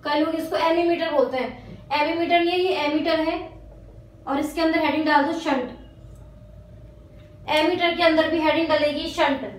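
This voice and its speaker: High-voiced Indian woman teaching physics, echoey. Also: steady tone. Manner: dictates English notes slowly, repeating phrases, then explains in Hindi; addresses students as "beta". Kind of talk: classroom lecture, dictating notes. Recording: echoey room from far off.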